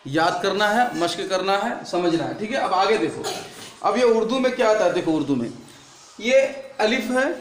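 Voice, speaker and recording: A man's voice: high voice, echoey room. A man teaching a class, drilling letters through repeated question and answer and telling the pupils off for noise. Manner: repetitive call-and-response drilling. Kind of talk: classroom lesson.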